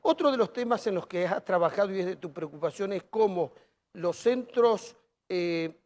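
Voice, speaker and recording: A man's voice: sits high, lively intonation, moderate pace, darkish tone. A man with an Argentine accent hosting an interview, framing topics and summarizing his guest's ideas in informal speech. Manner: summarizes and frames questions with the informal "vos". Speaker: talk show host.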